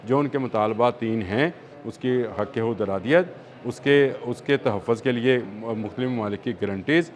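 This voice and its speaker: A man's voice: medium pitch, normal speed. Pakistani accent guy doing studio news talk, emphatic, lots of uh fillers. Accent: Pakistani Urdu. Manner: emphatic, repetitive, with hesitant fillers. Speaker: news analyst.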